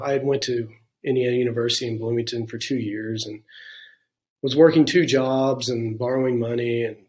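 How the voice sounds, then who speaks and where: A man in his forties, a guest in an interview, telling his own story frankly and reflectively, with plenty of "you know" and "um" along the way. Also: mid-range voice. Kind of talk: candid personal storytelling in a conversation.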